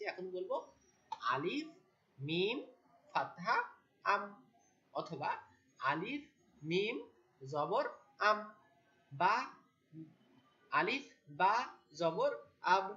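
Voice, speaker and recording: Brief: reading teacher, lively up-and-down delivery, patient call-and-response drills, dull lo-fi recording. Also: medium pitch. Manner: patient, repetitive, drills each sound aloud and checks the learners.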